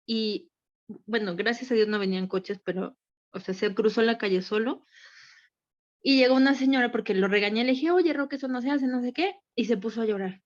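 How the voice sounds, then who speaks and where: A woman's voice: fairly high pitch, brisk, dull audio. Overwhelmed woman telling a story. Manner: candid, rambling, acts out quotes. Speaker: group participant. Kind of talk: personal account in group session.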